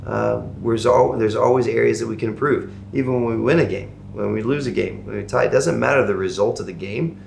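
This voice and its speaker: A man's voice: on the low side, a little fast, gravelly, a little mellow, echoey room, a little hiss or hum. A man, a soccer coach, speaking firmly and demandingly in a documentary interview. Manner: firm, demanding.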